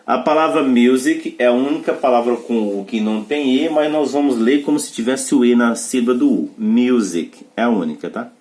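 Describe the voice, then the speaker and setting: A man's voice: medium pitch, moderate pace, hardly any pauses, a little mellow. A man teaching a pronunciation lesson. He explains the rules step by step and checks with short questions that students follow. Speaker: English teacher.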